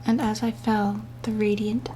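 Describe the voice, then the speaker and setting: A woman whispers a gothic horror tale in an ASMR style, keeping her delivery hushed and breathy. Her pitch stays very flat as she draws out phrases slowly and deliberately. Clear background noise sits behind the voice.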